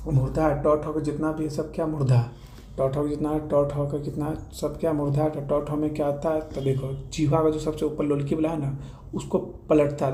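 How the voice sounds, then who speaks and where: A man with a Bihari accent teaching a grammar lesson, drilling his students by asking questions and answering them himself. His voice sits a little high and sounds mellow. The room is echoey, with a faint hum of ambient noise behind him. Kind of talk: classroom-style grammar lesson.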